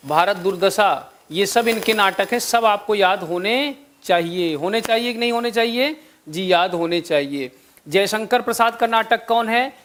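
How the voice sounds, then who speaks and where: High-voiced male teacher quizzing a live class. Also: a bit bright. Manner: quizzing students, repeating answers, chatty asides. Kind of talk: live online exam-prep class.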